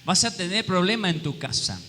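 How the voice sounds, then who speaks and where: A man's voice: high-pitched, sing-song, brisk, pushed and bright. A pastor preaching a sermon to his congregation, often asking them questions and acting out little quoted scenes with humor. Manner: call-and-response questions to the congregation. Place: church hall. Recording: long hall reverb with faint room noise.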